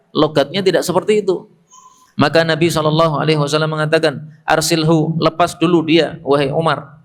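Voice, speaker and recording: A man with a Javanese accent preaching at a mosque, telling stories in a relaxed way with joking asides in local speech. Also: medium pitch. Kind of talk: mosque study sermon.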